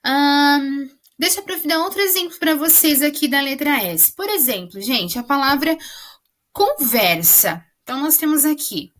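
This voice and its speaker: A woman's voice: high voice, animated, a bit bright. A woman teacher, giving a patient spelling lesson to children and often checking that they follow. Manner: patient, explaining, checks understanding with tag questions; slows down to spell out words.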